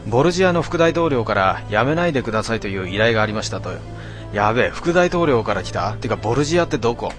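A man hosting a casual late-night stream, reading out listener comments with grumbling asides and frequent throat clearing. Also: medium pitch, sing-song, quick pace, soft background music. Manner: grumbling, talks to himself, mock-annoyed asides.

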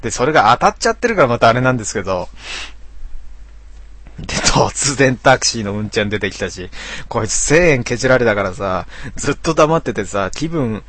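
Male game streamer, husky voice, casual jokey commentary. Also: on the low side, fairly bright tone, no room sound. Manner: muttering, jokey asides.

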